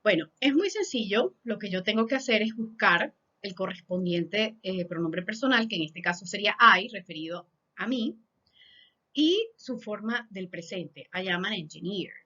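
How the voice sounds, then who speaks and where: A woman's voice: medium pitch, lively intonation, bright, forceful tone. Woman teaching English in Spanish, lo-fi. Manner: slow, careful repetition of example sentences. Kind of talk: lesson in Spanish.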